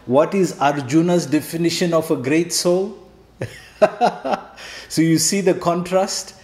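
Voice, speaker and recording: In an echoey room, a man with a fairly high, darkish-toned voice gives a devotional scripture lecture at a measured pace. He explains step by step, poses rhetorical questions, and checks in with a questioning "hmm?"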